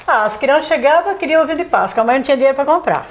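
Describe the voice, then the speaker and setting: Older Brazilian woman telling animated stories. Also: sits high, very fast, highs cut off, a little hiss or hum. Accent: São Paulo countryside Brazilian Portuguese. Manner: animated storyteller, acts out dialogue in raised voices. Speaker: honored longtime shop owner. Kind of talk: reminiscing in a recorded interview.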